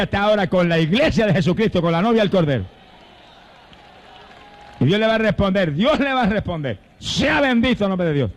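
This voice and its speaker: High-voiced fervent Pentecostal preacher man. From Puerto Rico. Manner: fervent, swings from calm teaching to shouted praise. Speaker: evangelist preacher. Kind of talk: Pentecostal sermon. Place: church service before a congregation.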